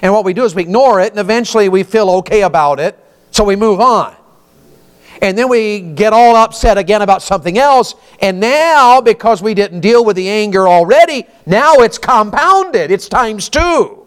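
A man's voice: high-pitched, animated, normal speed, clean tone. Folksy preacher man in his fifties. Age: 50s. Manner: folksy, asks the congregation questions often. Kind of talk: sermon.

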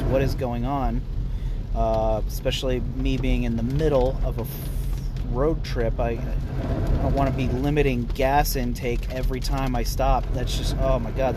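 A man talking casually and thinking aloud as he records a solo driving vlog inside a vehicle. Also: mid-range voice. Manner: rambling, thinking aloud, mild swearing. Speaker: road-trip vlogger. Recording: noisy vehicle interior. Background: road and vehicle noise.

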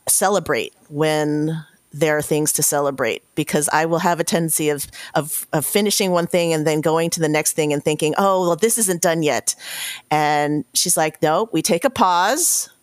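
A woman's voice: deep voice, moderate pace, no room sound, studio quality. A woman guest on a podcast, answering reflectively with many fillers and restarts. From Washington State, US.

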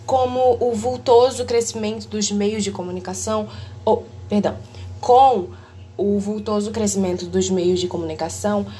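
A woman's voice: medium pitch, steady tone, normal speed, warm tone, slight background noise. A woman hosts an educational explainer, reading a prepared text with small slips and self-corrections, her audio clipping and distorted. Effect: clipping, distorted blown-out audio. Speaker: host.

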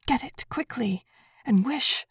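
A woman voicing a desperate grieving old woman in a whispered role-play, breathy and pleading. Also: a little slow, darkish tone, dry recording, clean studio sound, full character voice. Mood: frantic. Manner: urgent, pleading, rising high.

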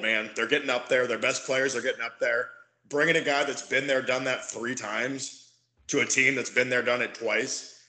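Man, bright voice, roomy echo, relaxed, leads hockey podcast chat. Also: medium pitch. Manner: relaxed, leads the discussion, speculative. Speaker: podcast host. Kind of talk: casual sports talk.

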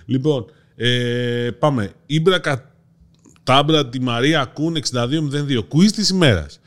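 A man from Greece hosting a casual podcast, reading listener comments aloud with wry asides. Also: medium pitch. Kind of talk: casual chat.

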